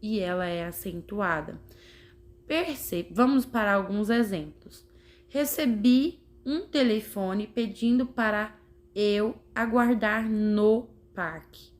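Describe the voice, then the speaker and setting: Woman teacher, talks real slow, spells out syllables one by one, mid-pitched. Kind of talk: slow classroom explanation.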